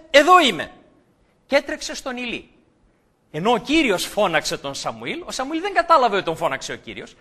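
A man's voice: very high voice, sharp tone. A man preaching a sermon, explaining scripture and asking his listeners rhetorical questions.

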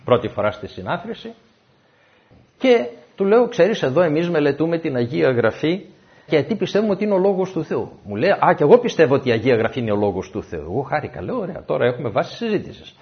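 A man preaching a sermon, telling personal stories and acting out the dialogue. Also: fairly high pitch. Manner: animated storytelling, acts out dialogue. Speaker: pastor. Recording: dull lo-fi recording.

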